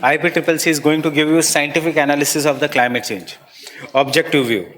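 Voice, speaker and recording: A man's voice: fairly high pitch, steady tone, fairly bright tone, in a large hall. Indian man dictating lecture notes. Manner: dictates slowly, repeating phrases for note-taking. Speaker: exam coaching teacher. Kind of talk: classroom lecture mixing Hindi and English.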